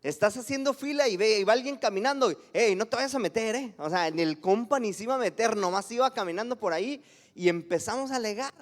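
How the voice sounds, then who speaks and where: A pastor with a Mexican Spanish accent preaches a conversational sermon in a high, animated voice, talking fast. He asks the congregation questions and acts out anecdotes from his childhood.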